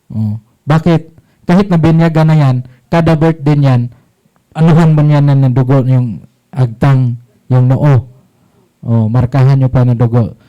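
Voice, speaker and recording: Slow priest quizzing his flock. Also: mid-range voice, mellow, low-quality recording. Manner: rhetorical questions, short call-and-response phrases. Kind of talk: catechism talk to a congregation.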